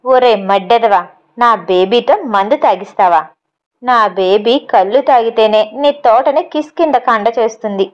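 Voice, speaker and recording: A woman performs the part of a confident, quick-tempered young man, teasing and scolding firmly in a slightly high, near-everyday voice at a measured pace. The mood stays teasing but firm, and the recording sounds a little dull.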